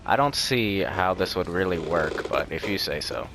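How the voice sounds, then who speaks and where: A man's voice: low voice, lively intonation, moderate pace, background noise. A young man hosting a casual let's-play, rambling and joking as he goes, often correcting himself. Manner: chatty, rambling, jokey, with self-corrections. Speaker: gaming channel host. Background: game music.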